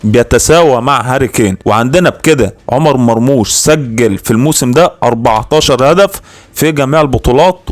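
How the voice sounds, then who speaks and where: A man's voice: medium pitch, fast, no echo. A man with an Egyptian accent hosting an informal sports commentary voice-over about football. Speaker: football video host.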